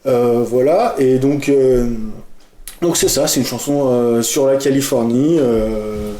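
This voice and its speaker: A man co-hosting a casual music podcast, talking about a song he loves with frequent hesitations and clear enthusiasm. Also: mid-range voice, slow pace, mellow. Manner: hesitant, many fillers, enthusiastic. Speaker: podcast co-host presenting a song. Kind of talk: casual chat. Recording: echoey room.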